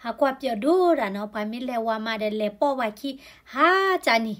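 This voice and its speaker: A woman's voice: on the high side, lively intonation, moderate pace. A woman explaining health topics in a conversational way, often adding tag particles to her sentences. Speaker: health educator.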